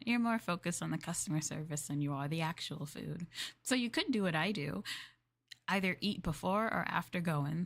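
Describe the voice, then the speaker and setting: In a maid roleplay, this woman VTuber speaks to her master in a lowish voice, rambling casually and letting out soft laughs as she streams.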